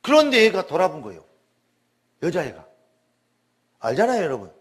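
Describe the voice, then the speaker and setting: Male pastor, high-pitched, emphatic storyteller, repeats words for stress. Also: huge pitch swings, moderate pace, slightly rough. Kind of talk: sermon testimony.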